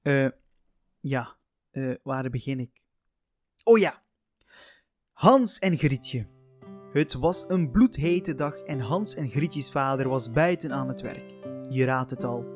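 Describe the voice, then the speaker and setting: Playful fairy-tale storyteller. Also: male voice, mid-range voice, a little slow, a little mellow, faint music behind. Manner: playful, chatty, talks to the listener.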